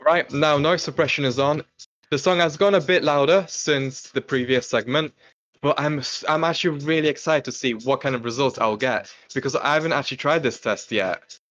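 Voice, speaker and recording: At a moderate pace and medium pitch, with a fairly bright tone, this young British tech tester casually shows off a product and drops dry jokes. The audio sounds dull. He's at a computer desk in a small carpeted bedroom, recorded on a desktop microphone, laptop mic, or phone, varying.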